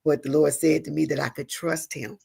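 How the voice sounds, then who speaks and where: A woman's voice: sits low, brisk, creaky, husky. A middle-aged woman, a pastor's wife and interview guest, telling a personal story earnestly and with feeling. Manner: earnest, animated, leans on endearments like "honey" and "girl".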